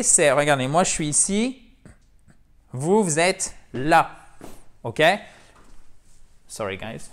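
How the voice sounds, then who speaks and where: A man teaching English to camera, lively, clapping and slowly repeating words to stress them. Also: a little high. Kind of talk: spoken language lesson to camera.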